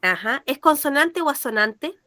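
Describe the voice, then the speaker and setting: High-voiced woman teacher. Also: expressive, moderate pace, pushed and bright, no room sound, clean studio sound. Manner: patient, questioning, checks understanding. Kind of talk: explaining a language lesson.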